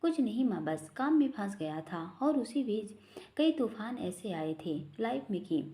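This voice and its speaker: A cheeky, bantering young man from a family storybook, as a woman narrator reads him. His lines swing lively up and down, in a soft, mellow tone. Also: sits high, measured pace. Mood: teasing. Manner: bantering, teasing. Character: playful joking young man, teasing and cheeky.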